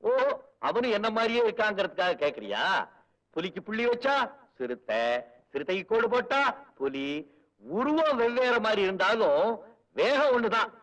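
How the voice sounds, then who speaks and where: An actor playing a cocky, quick-witted man who mocks a villain with sarcastic wordplay, in old film dialogue. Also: sits high, big pitch swings, fairly bright tone, distant mic, dull audio. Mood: mocking. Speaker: film hero. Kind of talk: 1970s Tamil film dialogue.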